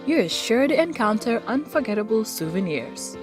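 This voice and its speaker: A woman reciting a slow, rhyming intro piece. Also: fairly high pitch, very animated, music in the background. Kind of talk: spoken-word intro over music.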